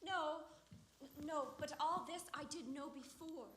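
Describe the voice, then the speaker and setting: A woman's voice: high voice, unhurried, a bit bright, a little hiss or hum. A woman acting an eager, impatient young girl in love on a theatre stage, pressing with urgent questions. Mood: pleading. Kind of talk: live stage acting of verse drama. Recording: roomy theatre stage sound.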